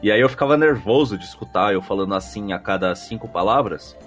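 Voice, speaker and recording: A podcast co-host and game master with a Brazilian accent casually answers listener feedback, explaining things colloquially. He talks fast and animatedly in a lowish, fairly bright voice over soft background music.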